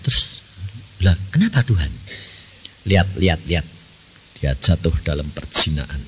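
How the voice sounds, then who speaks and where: A middle-aged man with a Javanese accent preaching a sermon, telling stories in a lively way and often asking the congregation questions. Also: a bass voice, moderate pace, noisy background. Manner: animated storytelling, asks the congregation questions. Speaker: evangelist preacher. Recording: reverberant church hall.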